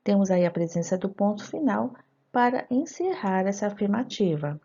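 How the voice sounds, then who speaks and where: A woman's voice: mid-range voice, animated, moderate pace, dark tone, dull audio. A woman teacher giving a recorded grammar lesson, explaining terms step by step and asking her students rhetorical questions. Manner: didactic, addresses students directly with rhetorical questions.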